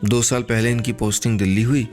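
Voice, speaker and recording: A man voicing a gentle, emotional young married woman in a radio story, speaking softly and with feeling. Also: medium pitch, fairly even intonation, fast, soft background music, close to an everyday voice.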